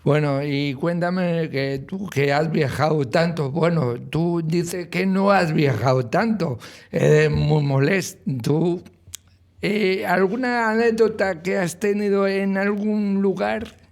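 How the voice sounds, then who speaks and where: A man, interviewing a guest with short, unhurried prompting questions. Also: fairly high pitch. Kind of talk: casual interview.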